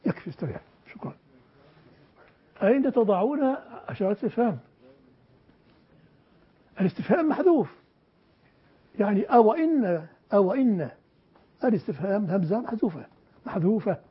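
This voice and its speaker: An older male teacher lectures a classroom, his husky voice sitting unusually high. He presses his students with questions and drives each point home emphatically. The recording is dull and lo-fi. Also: sing-song, brisk, long pauses. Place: classroom with a board.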